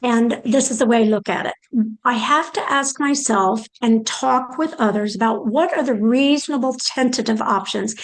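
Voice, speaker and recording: Older woman explaining, slightly high voice. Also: low-quality recording. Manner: poses questions aloud, walking through each step. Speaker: presenter on aging and care planning. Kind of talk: explanatory talk.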